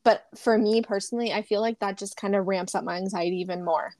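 A woman's voice: mid-range voice, fairly even intonation, quick pace, a little mellow, dry recording. Empathetic woman host, dry close sound. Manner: reflective, empathetic, sharing her own experience. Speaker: podcast host. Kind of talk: conversational interview.

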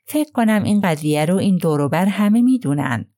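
Halting, apologetic young working man read by a woman, low and warm, dry close sound. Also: expressive, no echo, close to an everyday voice. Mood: earnest. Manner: halting, apologetic, groping for words. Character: young male country mechanic, plain and earnest.

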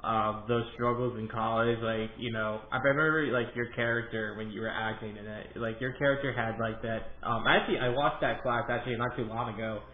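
A man's voice: mid-range voice, steady tone, a little fast, hardly any pauses, a little hiss or hum. A man hosting a podcast in casual, rambling chat with hesitant phrasing. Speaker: podcast host. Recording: roomy, thin phone-like line.

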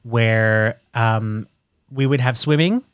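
A person with an Australian accent, chatting and telling stories in an animated way. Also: mid-range voice, takes it slowly, smooth, no room sound, studio quality. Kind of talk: casual chat.

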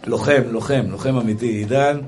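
A middle-aged male rabbi delivering a lively comic sermon in a chatty, joking way, calling his listeners brothers. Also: mid-range voice.

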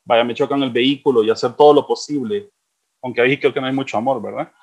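A man's voice: medium pitch, steady tone, quick pace, highs cut off. Middle-aged man telling stories in a chat. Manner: storytelling, repeats words for emphasis. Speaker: co-host. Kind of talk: casual chat.

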